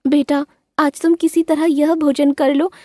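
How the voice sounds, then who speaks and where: A woman's voice: sits high, level tone, a little slow, dry recording, clean studio sound, pitched above the performer's own voice. A woman voicing a worried, caring widowed mother bird in a cartoon story. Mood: motherly. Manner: gentle motherly tone.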